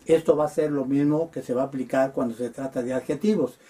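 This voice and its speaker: A man lecturing on Greek grammar, patiently spelling out word forms with frequent hesitant pauses. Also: medium pitch, steady tone, warm tone. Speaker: Greek teacher.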